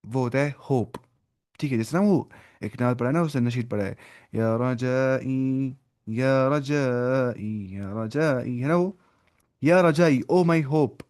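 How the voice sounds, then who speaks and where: A man in a mid-range, darkish voice leads an online Arabic lesson in an Urdu-speaking accent. He thinks aloud as he works, stopping to look up words and fix his own mistakes.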